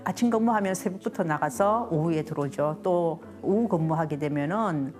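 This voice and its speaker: A woman's voice: deep voice, moderate pace, a little mellow. A middle-aged woman talking about her own life as a guest in an interview. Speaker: interview guest, maternity nurse. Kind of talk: personal interview talk.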